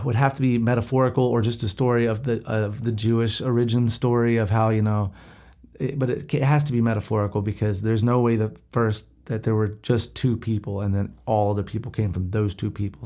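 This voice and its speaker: Low-ish guy rambling on his podcast, lots of restarts, chatty. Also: darkish tone. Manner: rambling and conversational, with many restarts and laughs. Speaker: podcast host. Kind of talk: casual solo monologue.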